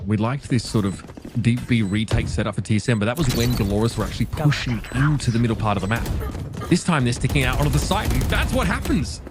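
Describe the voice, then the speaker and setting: A man casting an esports match play by play, hyped and slangy, climbing to shouts on big plays. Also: mid-range voice, lively intonation, fast talker, music in the background. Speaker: esports caster.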